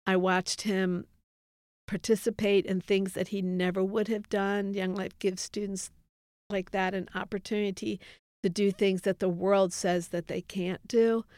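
A woman's voice: mid-range voice, level tone, unhurried, darkish tone, no room sound. A middle-aged woman giving a heartfelt faith testimony as an interview guest, earnest and reflective. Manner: earnest, reflective, quotes others in dialogue.

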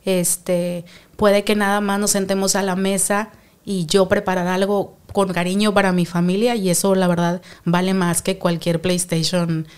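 Mexican woman, lively storyteller, chatting casually with her partner. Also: medium pitch, moderate pace, clear, resonant tone. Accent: Mexican Spanish. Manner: animated storyteller, acts out quotes. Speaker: co-host talking with her partner. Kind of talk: casual conversation.

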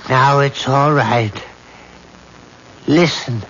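An actor playing a very old dying mystic who speaks slowly and portentously in an old-time radio drama. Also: male voice, medium pitch, a bit bright. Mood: solemn, commanding. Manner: slow, solemn, portentous. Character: very old dying mystic man, solemn and commanding. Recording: muffled, noisy old radio recording.

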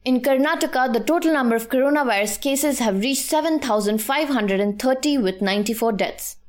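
A woman with an Indian English accent presenting scripted news in a measured, formal and articulate manner. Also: a little high, darkish tone.

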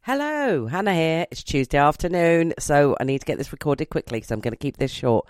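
A woman's voice: low-pitched, lively intonation, a little fast, over music. A woman in her forties hosting a podcast interview, chatty and self-deprecating, laughing easily. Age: 40s. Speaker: podcast host. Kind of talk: casual interview chat. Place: comedy venue. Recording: echoey room.

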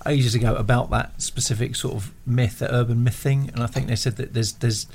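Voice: medium pitch, fairly even intonation, a little fast, darkish tone, slight background noise. A co-host in casual, joking conversation. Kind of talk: casual comic banter.

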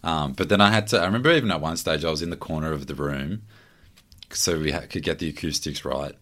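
A man's voice: quick pace, fairly bright tone. A man, a podcast guest chatting casually and joking. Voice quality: very deep voice. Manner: joking, laughs easily.

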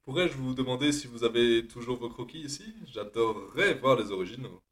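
A man voicing a courteous, flattering gentleman journalist. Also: mid-range voice, fairly quick, voice pushed up, lightly acted. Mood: charming. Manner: suave, courteous. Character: smooth charming male journalist.

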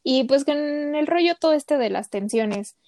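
A woman's voice: sits high, expressive, unhurried, darkish tone, dry recording. A woman co-hosting a casual podcast chat, talking with lots of fillers. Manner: chatty, many fillers. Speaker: podcast co-host.

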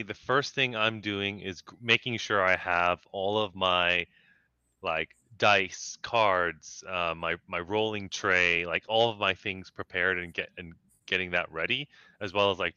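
Speaking reflectively as a guest on a podcast, this man works his ideas out in a casual chat, often starting sentences over. He has a low, smooth, sharp-toned voice, captured in a dry, slightly dull lo-fi recording.

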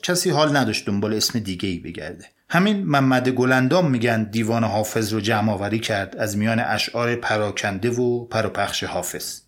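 Playful male comic storyteller. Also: mid-range voice. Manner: playful, colloquial, wry asides. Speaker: podcast storyteller.

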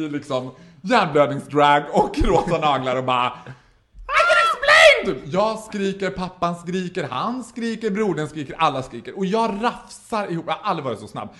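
A man's voice: fairly high pitch, slight background noise. A man telling a story in casual podcast chat, laughing and acting out the voices of the people in it. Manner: animated, laughing, acts out quoted voices.

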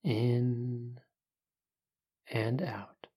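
Slow, soothing guided meditation narrator. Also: mid-range voice, breathy edge. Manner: calm, soothing, unhurried delivery with long pauses.

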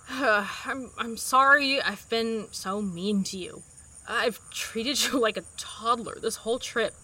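A woman's voice: on the high side, slow, pushed and bright, breathy edge, heavily acted. An actress playing a feisty, blunt but tender woman in love in an audio drama. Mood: soft, remorseful.

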